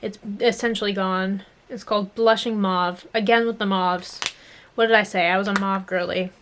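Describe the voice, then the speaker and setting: A young adult woman vlogger chats casually with her viewers, rambling, musing aloud and trailing off. Her mid-range, fairly bright voice is steady and at a normal pace, slightly hampered by a mouth swollen from dental work, with a little hiss or hum in the background.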